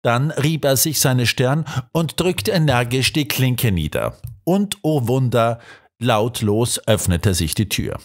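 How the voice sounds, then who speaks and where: Man reading a detective story aloud, very lively pitch. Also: takes it slowly. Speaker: narrator.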